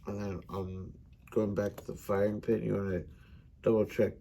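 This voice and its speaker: An American man, a gunsmithing student, giving an unhurried instructional demonstration with frequent hesitations. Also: fairly low pitch, flat delivery, gravelly, warm tone, a little hiss or hum.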